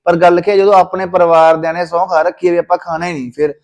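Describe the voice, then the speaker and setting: A man's voice: high voice, flat delivery, racing, lightly acted. An actor playing a stubborn, strict young husband, scolding his wife with a Punjabi accent. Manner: scolding, keeps asking "right?". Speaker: husband in a domestic quarrel.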